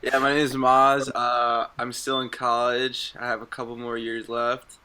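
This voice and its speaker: Man, 20, bright voice, laid-back, casual podcast chat. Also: medium pitch, completely flat delivery, a little slow, clean tone. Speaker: podcast co-host, college student.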